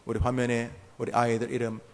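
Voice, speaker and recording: A man's voice: medium pitch, completely flat delivery, brisk, slight background noise. A man preaching as a pastor, blessing the congregation's children and leading them through a long list of names to pray over. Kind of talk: sermon and congregational prayer. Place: church sanctuary. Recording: long church hall reverb.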